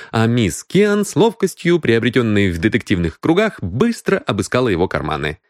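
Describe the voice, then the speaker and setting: A man's voice: mid-range voice, no room sound. Man narrating an audiobook, dry. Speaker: audiobook reader.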